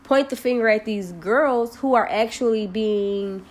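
A young woman with a slightly high voice talks in a casual, blunt and animated way. She swears freely as she chats with her co-hosts. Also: measured pace. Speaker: podcast co-host. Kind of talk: casual chat.

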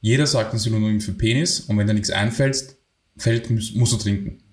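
Ein Mann mit Wiener Akzent, Co-Moderator eines Podcasts, erzählt lebhaft und lachend Anekdoten. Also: male voice, on the low side, brisk, echoey room. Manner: animated, laughing while telling anecdotes. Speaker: podcast co-host. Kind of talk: casual storytelling.

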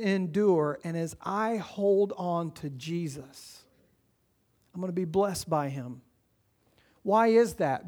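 A man preaching a sermon as pastor, earnest and encouraging, swinging between loud urging and quiet, hushed lines. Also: high voice. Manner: earnest, encouraging, rises and drops in volume.

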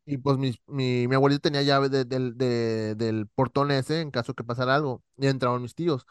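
A man, a podcast co-host telling stories in casual chat, animated and full of slang. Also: medium pitch, brisk, clean tone, no room sound. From Monterrey, Mexico. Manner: animated storyteller, acts out voices, heavy slang.

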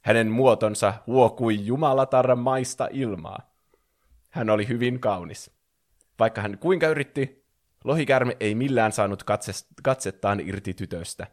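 A man reading a fan fiction story aloud in a playful way, acting out the characters. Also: mid-range voice.

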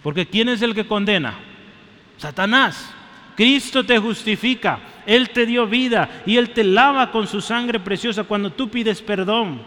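A man preaching to his congregation in a high, bright, forceful voice. He speaks with energy and keeps calling out to the people in front of him. His voice rings through a church with a long reverb. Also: unhurried. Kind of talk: sermon.

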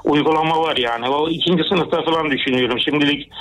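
A man in his fifties calling in, heard over a telephone line, talking earnestly and plainly, sometimes halting. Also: fairly high pitch, a bit bright. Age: 50s. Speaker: caller. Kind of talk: casual phone call to a radio show.

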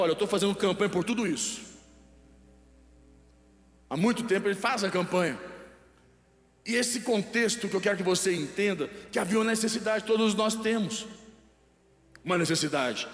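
High-voiced Brazilian man preaching in a hall. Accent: Brazilian Portuguese. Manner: quizzes the congregation, letting them finish his sentences. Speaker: pastor. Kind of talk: live sermon. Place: large church hall. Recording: echoey church hall with long reverb.

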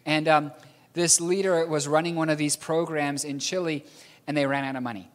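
A New Zealand man preaches a storytelling sermon in a hall with long reverb, rambling a little and chuckling as he corrects his own slips. His voice is fairly high with fairly even intonation, and he speaks at a moderate pace.

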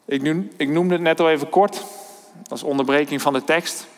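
A man preaching a sermon, thoughtful and hesitant, often pausing on fillers and restarting his sentences. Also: fairly high pitch, fairly even intonation. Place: church hall. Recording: long church-hall reverb.

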